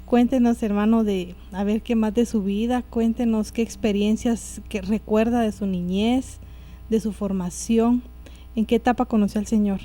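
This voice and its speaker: Mellow-voiced woman host. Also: a little high, fairly even intonation, soft background music. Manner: reads contact details slowly and plainly, answers with short "amen"s. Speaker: television interview host.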